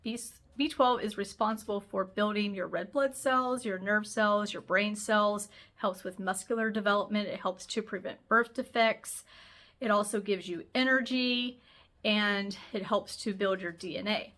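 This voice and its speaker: A woman's voice: mid-range voice, unhurried, fairly bright tone. A woman hosting a health channel, talking casually to camera in a chatty, rambling way, sounding nasal and congested.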